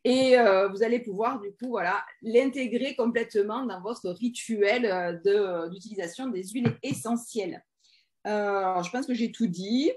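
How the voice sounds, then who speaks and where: A woman's voice: medium pitch, normal speed, darkish tone, breathy edge. A woman hosting a casual live demo of a children's diffuser kit, chatty and loose, with fillers. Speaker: host presenting a kids' oil kit.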